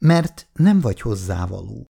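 A woman's voice: extremely low pitch, big pitch swings, creaky, dark tone, husky, heavily acted. A man reading aloud and voicing a bold young woman who insists and mocks her rival. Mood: brazen insistent. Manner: insistent, mocking, brazen.

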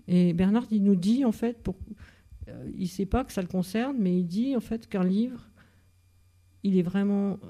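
Middle-aged woman speaker, mellow voice, halting with lots of fillers, literary talk in a library. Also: medium pitch. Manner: hesitant, many fillers and restarts. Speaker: author and teacher speaking at a literary evening. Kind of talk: informal literary talk with readings. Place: library event room.

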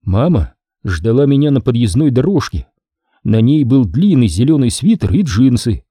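A man narrating a children's story in an expressive, measured reading. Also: mid-range voice, husky, dry recording, studio quality. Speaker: audiobook narrator.

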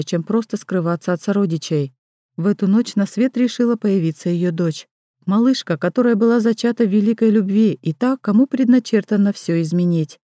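A woman, working as an audiobook narrator, reads a scripted first-person story in an even, measured way. Her voice is mid-range, and the clean studio sound has no room noise.

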